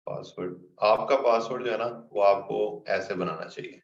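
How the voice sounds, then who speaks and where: Male instructor, lowish voice, patient Q&A teaching, muffled echoey lo-fi recording. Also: moderate pace, gravelly. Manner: patient, reads student questions aloud and answers them. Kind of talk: online class lecture. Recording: muffled lo-fi recording, roomy echo.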